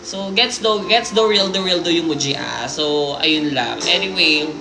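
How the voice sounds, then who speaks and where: Animated woman host reading stories, echoey room. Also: deep voice, unhurried. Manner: animated storytelling, Taglish, jokes and asides. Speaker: livestream host. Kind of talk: reading listener stories aloud on a live stream. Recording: roomy sound with music playing behind.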